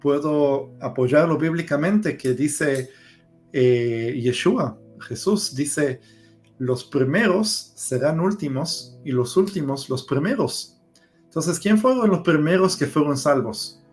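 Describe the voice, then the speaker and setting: Slow-talking man explaining scripture. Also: a little high, lively intonation, soft background music. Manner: explanatory, with many fillers. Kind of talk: religious discussion.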